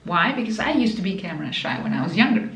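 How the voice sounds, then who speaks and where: A business mentor whose first language is Spanish, and who speaks with a Spanish accent, gives an emphatic motivational talk to camera. She addresses the viewer directly and repeats key phrases. Her fast voice sits on the low side, with big pitch swings, a fairly bright tone and a roomy sound.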